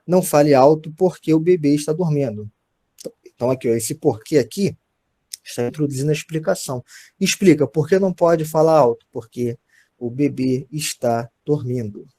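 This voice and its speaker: Brazilian male teacher, patient and talking straight to his class, voice a touch high. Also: moderate pace, warm tone. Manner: explains patiently, often checks in with "tá certo?" and "gente". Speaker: Portuguese teacher. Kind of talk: recorded grammar lesson.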